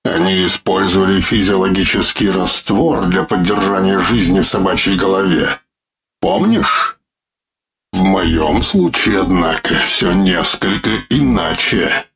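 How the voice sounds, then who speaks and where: A man voicing a droning metallic severed head. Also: background noise. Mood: mocking. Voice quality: droning metallic voice, lacking naturalness; gravelly, low. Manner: slow, pained, coldly mocking. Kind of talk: audiobook character voice.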